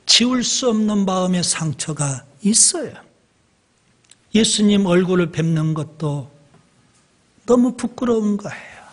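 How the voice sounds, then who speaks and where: Husky-voiced pastor preaching slowly. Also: male voice, sits high, lively intonation. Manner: slow, deliberate preaching with emphatic pauses, addressing the congregation. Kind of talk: sermon.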